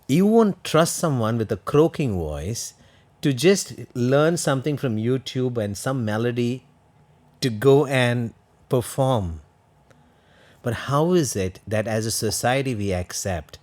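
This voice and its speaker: A man's voice: fairly low pitch, a little mellow. A man co-hosting a podcast, explaining ideas earnestly and asking rhetorical questions. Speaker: podcast co-host.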